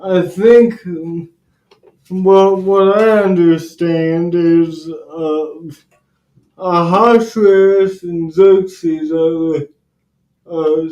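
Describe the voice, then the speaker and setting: Slow, halting man teaching Bible class. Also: sits high, steady tone, dark tone. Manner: halting, many fillers and restarts. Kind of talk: casual teen Bible lesson. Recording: roomy, dull lo-fi livestream audio.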